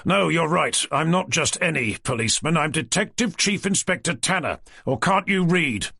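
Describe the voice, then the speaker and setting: A man's voice: a little high, expressive, normal speed, creaky, pushed and bright, husky, no echo, voice pushed up, heavily acted. A man voicing a stubborn, fearless police detective who speaks in a dry, matter-of-fact way. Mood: angry.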